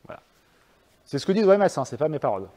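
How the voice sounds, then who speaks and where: Talking very fast with big swings in pitch, a French man with a fairly high, dark-toned voice lectures an audience and fields their questions. His delivery is chatty and halting, with many fillers and false starts, echoing in a hall with long reverb.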